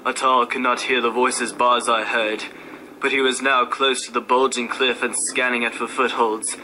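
A man's voice: mid-range voice, little pitch movement, moderate pace, pushed and bright, low-quality recording. A man giving a solemn, theatrical dramatic reading of a horror story as narrator. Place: radio station room. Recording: faint background noise at radio station.

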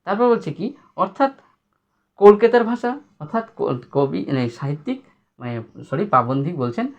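A man's voice: sits high, very animated, normal speed. A man teaching a literature lesson to students. He speaks, asks questions and repeats his points. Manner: explains by repeating and asking questions, tells students to underline.

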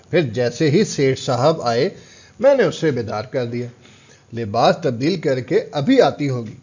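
Brief: man doing a scheming courtesan madam, loud and pleading, storybook read, muffled sound. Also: mid-range voice, husky. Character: scheming older female courtesan hostess, coaxing.

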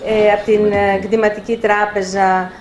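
An older woman publisher telling lively anecdotes in an interview, acting out the dialogue. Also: medium pitch. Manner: animated anecdotes with acted-out dialogue. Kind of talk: storytelling in a live interview. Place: bookshop event room. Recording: echoey room, faint background noise.

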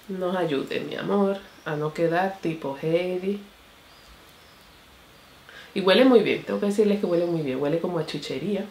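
A woman's voice: medium pitch, slight background noise. A woman reviewing makeup products in a casual vlog, chatting to her viewers and calling them "señores" and "mi amor". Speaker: beauty vlogger. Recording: echoey room.

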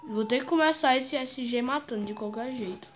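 A high, bright-voiced woman with a Brazilian Portuguese accent narrates her gameplay in a jumpy, excitable way. She repeats short words again and again as the game goes on. A faint hiss of noise sits under her voice. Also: a little fast. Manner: excitable, chants words over and over. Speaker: gaming YouTuber. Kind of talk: gameplay commentary.

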